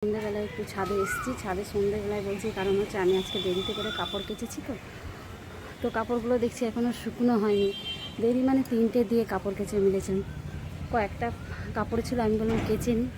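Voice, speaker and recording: A woman vlogging her evening routine at home in a soft, subdued voice, her throat troubled and the sound muffled. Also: mid-range voice, fairly even intonation, fast talker, background noise. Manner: soft, subdued talk, speaking with lips half closed. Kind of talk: casual daily-routine narration. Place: home and open rooftop.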